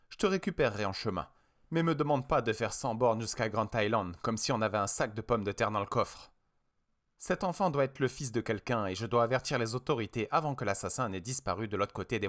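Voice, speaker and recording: A man's voice: lowish voice, animated, brisk, fairly bright tone. A man reading a blunt stubborn husband. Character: stubborn, tense husband, a driver. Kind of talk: audiobook character voice.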